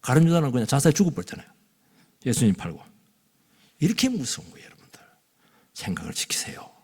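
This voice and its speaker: A middle-aged male pastor preaching a sermon in a church, swinging between loud bursts and hushed asides, sometimes acting out voices. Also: mid-range voice, huge pitch swings, fast, vocal fry, husky. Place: church sanctuary. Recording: long hall reverb.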